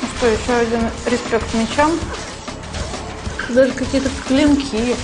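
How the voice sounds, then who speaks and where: Young woman, fairly high voice, halting commentary. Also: steady tone, rough recording. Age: young adult. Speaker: martial artist reviewing a game. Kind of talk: casual spontaneous commentary. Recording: loud music behind.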